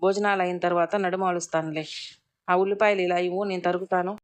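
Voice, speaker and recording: A woman's voice: on the low side, flat delivery, fast, lightly acted. A woman reading a doting older mother-in-law. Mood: fond. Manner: gentle and affectionate.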